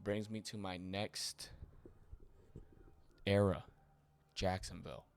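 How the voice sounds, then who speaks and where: A man hosting his own podcast, telling life stories in a loose, animated way, swearing and dropping slangy asides. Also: low-pitched, takes it slowly, no room sound, clean studio sound. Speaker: podcast host. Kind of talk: casual personal storytelling monologue.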